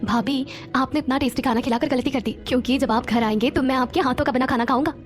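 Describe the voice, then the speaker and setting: A woman's voice: high-pitched, fast, soft background music, lightly acted. A woman narrator voicing a playful young man who teases. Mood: teasing. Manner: teasing.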